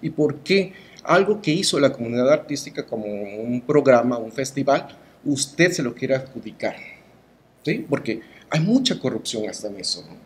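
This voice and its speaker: A middle-aged man with a Mexican accent speaks at a medium pitch. He talks as an interviewee with firm opinions, pressing his points with rhetorical questions and short tags that seek agreement. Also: big pitch swings, normal speed. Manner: emphatic, rhetorical, ends phrases with tag questions. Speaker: cultural promoter and artist being interviewed.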